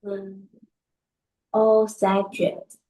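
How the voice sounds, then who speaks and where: A woman's voice: mid-range voice, monotone, drawn-out words, low-quality recording. A woman student answering briefly and hesitantly in an English lesson. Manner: terse, hesitant, quiet.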